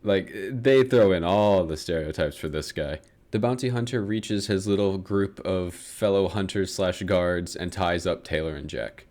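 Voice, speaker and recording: A young man with a lowish voice tells a book's story as comedy, dry and sarcastic, dropping swear words and chuckling at his own jokes. He reads from a script but keeps it loose and chatty. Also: a little slow, a little mellow. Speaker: comedic book summarizer.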